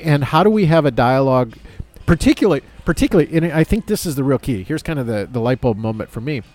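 A man's voice: mid-range voice, expressive, fast talker, a little mellow. A man co-hosting a casual talk show, talking in an earnest way and building up his points. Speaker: podcast co-host. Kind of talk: casual conversation.

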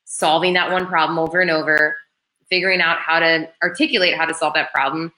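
Guest spot: chatty woman coach, low-ish voice with a bright, forceful edge. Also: brisk. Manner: chatty and animated, full of "like" fillers. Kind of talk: casual podcast chat.

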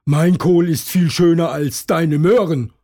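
A man's voice: fairly high pitch, unhurried, voice pushed up. A man doing a hot-tempered rabbit neighbor. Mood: shouting. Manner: shouting, contrary. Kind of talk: storybook reading.

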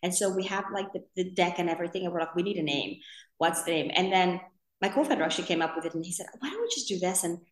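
A woman's voice: fairly low pitch, animated, fast talker. A woman from Finland, co-founder of a podcast company, chatting in an interview with a rambling, filler-heavy manner. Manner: chatty, rambling, full of "you know" fillers. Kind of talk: casual interview talk. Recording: roomy echo.

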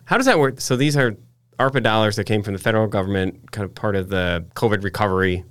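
Quick-talking man hosting a news podcast. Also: on the low side, fairly bright tone, clear, resonant tone, no room sound. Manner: quick, joking, asks follow-up questions. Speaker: podcast host. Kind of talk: casual news chat.

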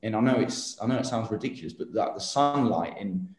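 A man's voice: fairly low pitch, expressive, a little fast, faint music behind. Earnest young man rambling in echoey room. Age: 20s. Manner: rambling, earnest, many fillers and restarts. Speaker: interview guest. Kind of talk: casual interview talk.

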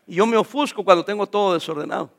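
A man's voice: sits high, fast, gravelly. A middle-aged man preaching a sermon as a pastor, jovial and joking with the congregation.

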